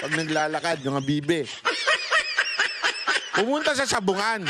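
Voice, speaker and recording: A man's voice: fairly high pitch, big pitch swings, measured pace, heavy background noise. A male vlogger giving mocking, sarcastic political commentary, laughing often and taunting his opponents.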